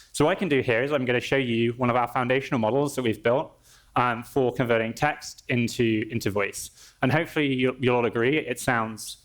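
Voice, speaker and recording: A man presenting a live software demo on a conference stage, explaining in a conversational way with frequent restarts. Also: mid-range voice. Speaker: engineer presenting a product demo.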